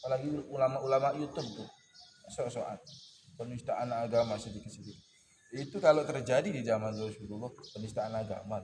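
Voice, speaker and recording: A man teaching a casual weekly religious study session, joking and teasing his listeners and clearing his throat often. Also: medium pitch, a little fast, a little mellow, a little hiss or hum. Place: boarding school study hall. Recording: echoey hall with clear birdsong and ambience.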